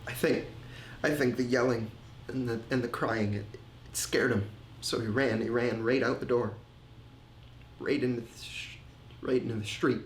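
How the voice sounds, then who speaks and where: A man playing a haunted, halting griever in a roomy space. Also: medium pitch, fairly even intonation, a little hiss or hum, lightly acted. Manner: halting, repeats words, trails off. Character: grieving middle-aged man, haunted, hesitant. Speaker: man recounting family tragedy. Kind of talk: film monologue. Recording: roomy echo with faint ambience.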